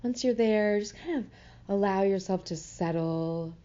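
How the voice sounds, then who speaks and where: Here a woman at medium pitch guides listeners through meditation, her manner soft and soothing. She never rushes, lets long pauses hang, and the sound is a little muffled.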